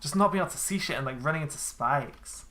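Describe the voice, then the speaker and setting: A woman streaming a game, chatting casually with a friend, swearing freely and filling pauses with ums. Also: sits low, animated, a bit bright, a little hiss or hum. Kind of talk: casual chat while gaming.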